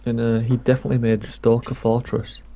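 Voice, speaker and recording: A man's voice: medium pitch, monotone, a little fast, creaky, warm tone. A man from England chatting casually about football while streaming a game, rambling from point to point. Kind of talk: casual chat while gaming.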